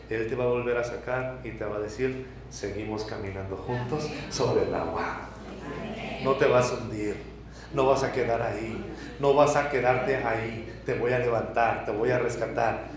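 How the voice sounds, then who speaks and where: A man preaching a sermon as pastor, swinging from hushed, intimate lines to loud, impassioned ones. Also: mid-range voice, moderate pace, background noise. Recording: very echoey church hall.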